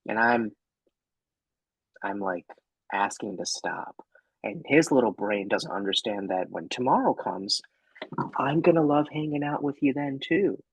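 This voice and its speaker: Man, husky voice, lively pitch, casual storytelling, candid, video call. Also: unhurried, pauses often, no room sound, rough recording. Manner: animated, candid, swears casually. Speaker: workshop co-host.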